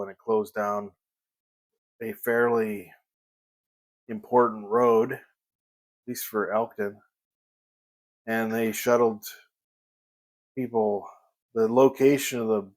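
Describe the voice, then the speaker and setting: A man vlogging a casual morning chat at home, rambling and pausing to search for the right word. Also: mid-range voice, darkish tone. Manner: rambling, pauses to search for words.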